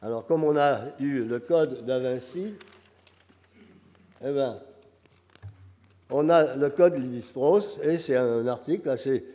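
An older man with a Quebec French accent gives an academic lecture, his voice hoarse and nasal from a cold, halting as he searches for phrasing. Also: medium pitch, dark tone. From Quebec, Canada. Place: large reverberant lecture hall. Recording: muffled, very reverberant lecture hall.

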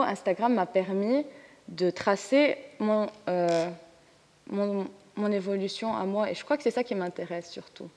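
A woman's voice: medium pitch, mellow, long reverb tail. A woman with a Lebanese French accent speaking candidly on a discussion panel, laughing easily and mixing in English words. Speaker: comics artist on a panel.

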